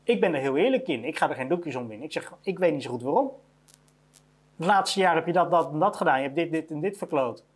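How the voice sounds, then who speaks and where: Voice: mid-range voice, breathy edge. A business owner giving a blunt motivational monologue about career advice, repeating each point to hammer it home.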